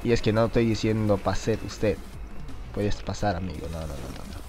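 A man giving casual, excitable gameplay commentary, talking to his viewers and to the game and swearing often. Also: fairly low pitch, moderate pace, over music.

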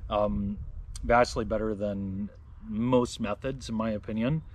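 A man's voice: fairly low pitch, measured pace. Chatty man demoing camp coffee gear. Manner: relaxed, chatty, thinks aloud. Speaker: camping gear vlogger. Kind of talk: casual product demo.

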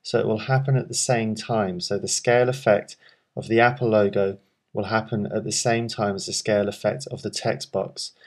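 Guy with a lowish voice doing a calm screen tutorial, lots of ums, talks you through each click. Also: moderate pace. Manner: calm step-by-step explaining with frequent ums. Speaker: software tutorial presenter. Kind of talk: screen-recorded software walkthrough.

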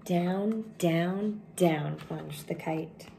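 In a small room at home, a woman in her thirties reads a children's picture book aloud, keeping it simple and expressive for young listeners. Her voice is lowish, with drawn-out words and vocal fry, over a noisy background.

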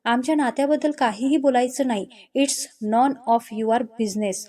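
A lively young office girl in a spoken love story, talking quickly and plainly, high and mellow in tone, as a woman storyteller puts her on. She pleads at times and snaps at times, an everyday voice with no heavy acting. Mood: angry. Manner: pleading then sharp when crossed.

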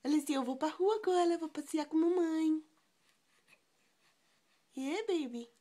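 A woman's voice: sits high, a little slow, mellow. A young woman cooing in sing-song baby talk to her little one, coaxing and affectionate. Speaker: pet owner or mother talking to her baby.

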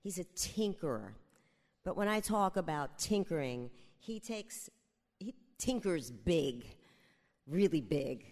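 A host introducing the next storyteller on a theater stage, unhurried with pauses. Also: medium pitch, sing-song, vocal fry, darkish tone. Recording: live theater hall reverb.

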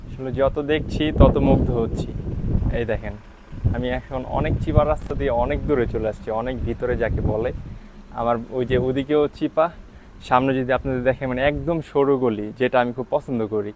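A man filming a walking travel vlog outdoors, talking softly because he is tired and often checking in with his viewers. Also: mid-range voice, a little fast, noisy background. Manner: keeps checking with "ঠিক আছে?". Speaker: travel vlogger. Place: outdoors on hilltop town streets.

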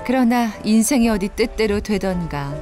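A woman narrating a documentary in a measured, expressive way. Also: medium pitch. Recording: narration over background music.

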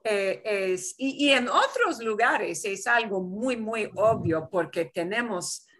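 A woman's voice: mid-range voice, animated, slow pace, fairly bright tone. A woman from Michigan teaching Spanish in an online class, patiently explaining and switching into English to clarify. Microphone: video call.

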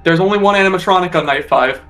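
A man's voice: high voice, fast talker, a bit bright, soft background music. A man chatting casually as a companion commenting on someone's game. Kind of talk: casual chat.

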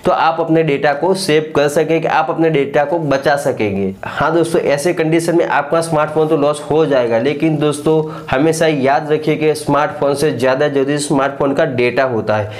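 A man's voice: fairly high pitch, moderate pace, hardly any pauses. A man in his thirties hosting a tech channel, giving scripted, earnest advice to camera in a small living room on a lapel mic, and he keeps calling his viewers his friends. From India. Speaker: tech YouTuber host.

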